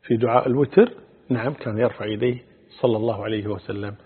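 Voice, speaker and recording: A middle-aged male Islamic scholar answering religious questions in a measured, explanatory way, quoting hadith. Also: fairly low pitch, breathy edge. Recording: phone-like narrow band.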